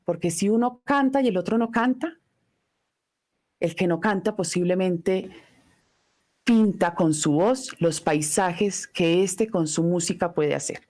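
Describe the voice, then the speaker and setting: This middle-aged woman, a native Italian speaker, teaches a live online voice lesson, taking her time and sounding reflective. Her voice sits lowish and has a darkish tone.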